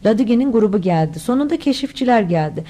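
A woman narrating an audiobook with a mellow, warm tone and a voice pitched a little high for a woman. She reads steadily and dips lower when she does the characters. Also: lively intonation, fast talker. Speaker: audiobook reader.

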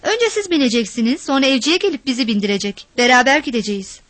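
A woman voicing a brisk, bossy village man giving orders in a read story. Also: high voice, expressive, fairly bright tone, no room sound. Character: bossy village man, gruff and rough-spoken.

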